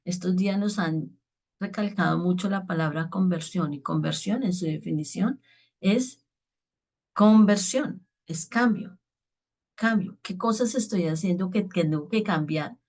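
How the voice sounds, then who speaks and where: A woman's voice: fairly low pitch, measured pace, a little mellow. A woman preacher giving an earnest spoken reflection on the daily gospel, often checking in with her listeners.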